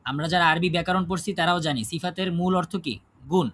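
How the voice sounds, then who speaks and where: A man's voice: fairly high pitch, a little fast, fairly bright tone. A man teaching a class on recitation rules. He asks the students questions, answers them himself and keeps checking that they follow. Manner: checks understanding with frequent tag questions.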